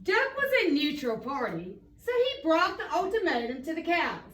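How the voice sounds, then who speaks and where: A woman counselor reading a picture book aloud to students in a classroom, expressive, with sound effects and questions. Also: extremely high pitch, moderate pace. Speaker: school counselor. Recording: echoey room, mic far off.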